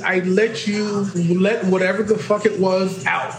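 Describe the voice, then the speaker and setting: A tipsy man, chatting casually among friends and haltingly repeating his words. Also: sits high, level tone. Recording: echoey room with background noise.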